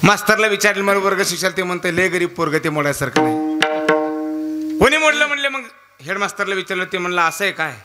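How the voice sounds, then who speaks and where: A man from Maharashtra delivering a humorous devotional sermon, telling a story and leaping up in pitch to act out the people in it. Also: quick pace, over loud music. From Maharashtra, India. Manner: animated, jumps to high pitch for quoted characters. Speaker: kirtan preacher.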